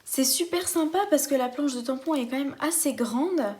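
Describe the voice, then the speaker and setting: Woman, high voice, chatty and enthusiastic, casual unboxing vlog. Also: moderate pace, darkish tone. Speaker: craft vlogger.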